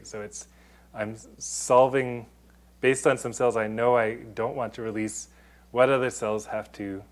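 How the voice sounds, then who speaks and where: A man with a fairly low voice presents to a room of listeners. He explains methods step by step, often restarting phrases and filling pauses with "um". It has the measured flow of an academic talk. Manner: explanatory, with many restarts and fillers. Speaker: presenter on data confidentiality. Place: lecture room.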